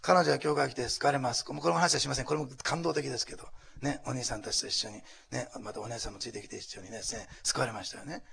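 A man pastor preaching a sermon to a congregation and leading a prayer, animated and dropping to whispers for emphasis. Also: medium pitch, quick pace, vocal fry, few pauses. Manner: animated, acts out quotes, drops to whispers. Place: church hall before a congregation.

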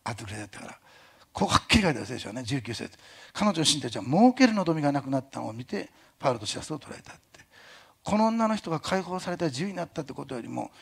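Man with Kyushu dialect touches, pastor delivering a sermon, fairly high, husky and gravelly. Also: fast talker. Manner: animated, jokey asides, imitates other pastors.

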